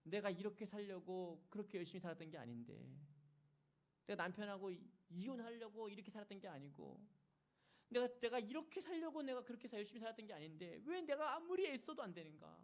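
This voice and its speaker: A woman's voice: medium pitch, big pitch swings, quick pace, pitched above the performer's own voice, natural voice. A male pastor voicing a desperate middle-aged woman who asks in anguish why her life is so hard. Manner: anguished, pleading questions.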